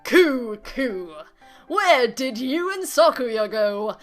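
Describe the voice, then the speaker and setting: A woman voicing a boisterous male pigeon track captain who coos and talks loudly and bossily, like an old man. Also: high-pitched, animated, drawn-out words, soft background music, full character voice. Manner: loud, cooing, bossy, old-man speech.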